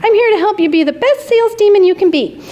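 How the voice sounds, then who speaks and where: A woman's voice: extremely high pitch, expressive, quick pace, warm tone, highs cut off, pitched above the performer's own voice. A woman voicing a perky, bubbly young female sales trainer with chirpy, scripted cheerfulness.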